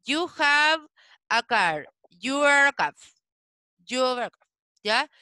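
Patient woman English teacher with a higher, crisp voice and a slow, checking delivery. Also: sing-song, bright, forceful tone, no echo. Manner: slow, patient explaining with frequent checking questions. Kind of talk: online class lesson.

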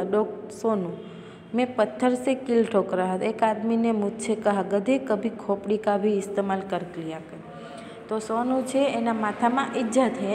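A woman from Gujarat, India, with a medium-pitched, dark voice teaches a class, reading each line aloud and then patiently explaining it in plain words. The room is echoey, with long reverb and faint hiss.

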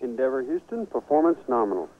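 A man's voice: medium pitch, big pitch swings, fast. A man at mission control giving clipped, procedural callouts over a space radio link. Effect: space radio link with beeps. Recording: tinny noisy radio transmission.

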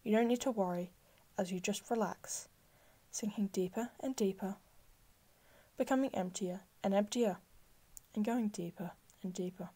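A woman slowly guiding a listener into trance with soft, soothing, repetitive phrasing, sometimes dropping to a breathy whisper. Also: mid-range voice. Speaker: hypnosis guide. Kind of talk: slow guided hypnosis script.

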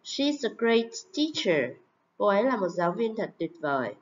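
A woman teaching English pronunciation, saying model words and example sentences slowly and carefully. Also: mid-range voice, very animated. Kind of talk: pronunciation lesson. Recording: dull lo-fi recording.

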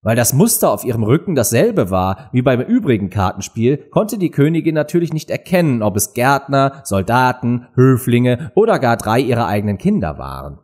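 A man reading a storybook aloud with lively, expressive narration. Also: mid-range voice, normal speed, few pauses, breathy edge. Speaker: audiobook reader.

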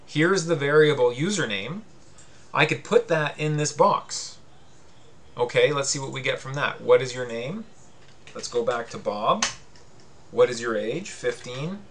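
A man's voice: mid-range voice, a bit bright, a little hiss or hum. A male teacher talking through a coding screencast, patient and explanatory, reading out on-screen prompts as he goes.

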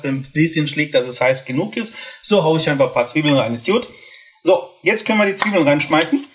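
Chatty man walking through a recipe. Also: fairly high pitch. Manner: chatty, explains steps while cooking. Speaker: cooking channel host. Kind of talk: casual cooking tutorial. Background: food sizzling in a pan.

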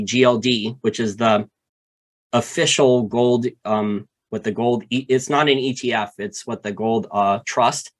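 A man co-hosting a finance podcast, walking through market mechanics step by step in a casual, animated way with frequent repeats. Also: mid-range voice. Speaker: podcast co-host.

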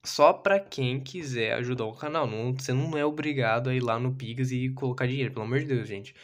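In an informal vlog, a young man with a Brazilian Portuguese accent rambles casually and playfully, poking fun at himself. The YouTuber's medium-pitched voice runs a little fast. He records indoors in a small bedroom on a handheld camera or phone, so the audio is noisy and has clicks.

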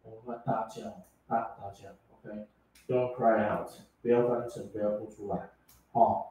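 A man's voice: on the low side, level tone, a little slow, warm tone. A male English teacher, lecturing a class and teasing students as he explains words. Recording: echoey classroom from far off.

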